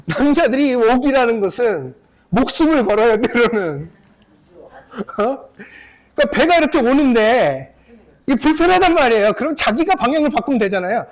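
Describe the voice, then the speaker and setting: A man's voice: extremely high pitch, moderate pace. A male pastor in his fifties preaching a story-filled sermon, speaking straight to his congregation. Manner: animated, addresses the congregation directly, acts out characters. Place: church sanctuary.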